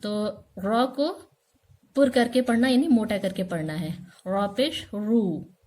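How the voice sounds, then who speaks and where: Slow, patient woman teaching recitation. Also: mid-range voice, a little mellow. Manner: patient, drills sounds slowly, repeats syllables; checks in with the listener often. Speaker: religious studies teacher. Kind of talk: recorded recitation lesson.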